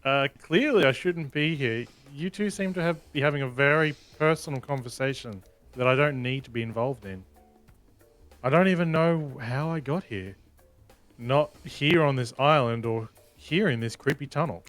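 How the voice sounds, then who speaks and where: A man's voice: medium pitch, normal speed, a bit bright, soft background music, close to an everyday voice. An Australian man voicing a flustered, awkward male detective in a dating game. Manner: flustered, stammering.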